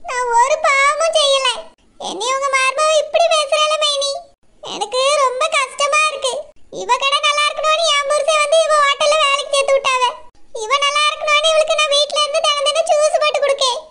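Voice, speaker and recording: A woman's voice: fairly even intonation, a little fast, pushed and bright, a little hiss or hum. A woman voicing a scheming village stepmother in a cartoon family drama, speaking Tirunelveli Tamil in a whiny, pleading way. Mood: pleading, aggrieved. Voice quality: shrill, high and squeaky.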